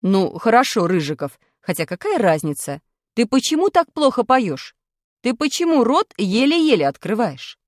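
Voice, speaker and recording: A woman's voice: a little high, big pitch swings, normal speed, no room sound, clean studio sound. A woman voicing a stern, bossy female school singing teacher who barks orders in a children's story. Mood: scolding. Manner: strict, barking orders. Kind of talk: storybook character voice.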